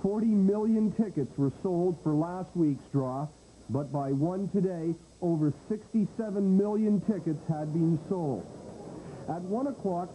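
A man's voice: high voice, warm tone, slight background noise, rough recording. A man narrating a scripted television news report on an old broadcast tape.

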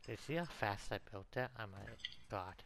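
Bright-voiced Canadian man making game callouts. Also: lowish voice, brisk, vocal fry. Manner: relaxed callouts, joking and boastful. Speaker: gamer and uploader. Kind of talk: casual gameplay chat with a teammate.

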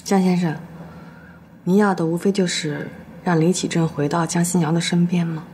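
A young actress playing a heartbroken lawyer who speaks quietly, with resignation. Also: female voice, fairly low pitch, fairly even intonation, moderate pace, slight background noise, natural voice. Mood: firm. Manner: quiet, resigned, soft-spoken. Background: soft guitar music.

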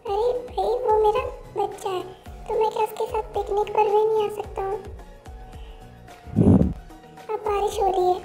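A woman voicing an insistent young man who pleads with his partner, through a pitched-up voice changer. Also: warm tone. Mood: reassuring. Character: pushy young man, devoted father chasing his partner. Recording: echoey with faint music.

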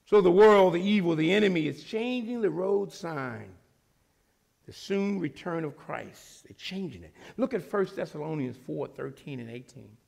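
Male pastor, high-pitched and gravelly, preaching with big shouts and sudden quiet drops. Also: lively intonation, normal speed. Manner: call-and-response preaching, shouting at peaks then dropping low. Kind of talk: sermon. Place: church sanctuary.

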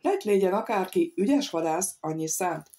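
A woman reading an audiobook, voicing an old male nobleman who speaks in a dry, measured, faintly amused way. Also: on the low side, animated, warm tone, close to an everyday voice. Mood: composed.

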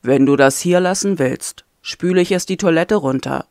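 Desperate young man locked up voiced by a woman, murmuring low, dry close sound. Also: normal speed, darkish tone, no echo, lightly acted. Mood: urgent, brooding. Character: troubled young male prisoner, desperate and brooding.

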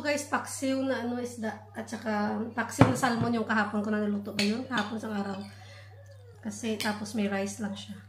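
Chatty Filipino mom vlogger, roomy kitchen. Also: female voice, on the high side, background noise. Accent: Hiligaynon. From Philippines. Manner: chatty, addresses viewers as guys, mixes Filipino and English. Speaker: vlogger and mother. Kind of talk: casual family vlog. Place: home kitchen indoors. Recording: echoey room.

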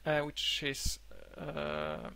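A young man whose first language is Polish gives an online conference talk from a room at home, pausing often with fillers and restarts over a webcam microphone. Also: mid-range voice, sing-song, gravelly, bright, forceful tone, clear, resonant tone. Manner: halting, many fillers and restarts. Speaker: conference speaker. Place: indoor room, remote talk.

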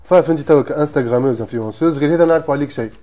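A man's voice: on the high side, rapid-fire, mellow. A man with a Tunisian accent hosting an interview, firing short, probing questions. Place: indoor studio set with armchairs.

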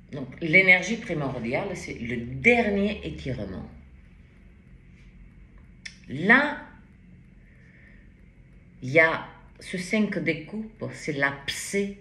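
A woman's voice: low voice, expressive, slow pace, pushed and bright, roomy sound. A woman giving a spoken tarot reading, hesitant and rambling, with frequent restarts and interjections. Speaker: tarot reader.

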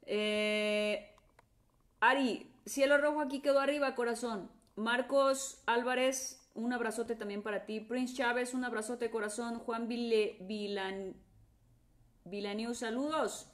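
A woman's voice: fairly high pitch, steady tone, slow pace. A woman singer with a Mexican accent chatting casually with fans on a live stream, greeting viewers by name and trailing off in restarts.

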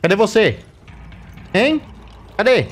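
A man's voice: big pitch swings, slow pace. Jumpy Brazilian man swearing at a game. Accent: Brazilian Portuguese. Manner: jumpy, swearing, bursts of squeaky baby talk. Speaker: gameplay streamer. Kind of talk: let's play commentary.

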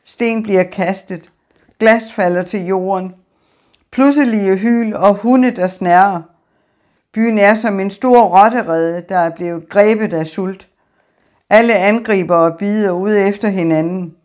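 A woman's voice: medium pitch, darkish tone, lightly acted. A woman voicing a grieving, despairing man who speaks in weary laments.

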